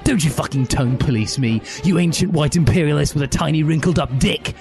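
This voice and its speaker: Man playing a ranting teen boy wizard, yelling, swearing, screechy, music behind. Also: on the high side, a little fast, vocal fry. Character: furious ranting teenage boy wizard revolutionary.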